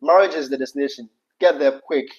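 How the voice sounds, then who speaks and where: A man with a Ghanaian accent hosting a casual advice chat, speaking in halting, repeated phrases. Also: medium pitch, lo-fi sound. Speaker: host answering viewer questions.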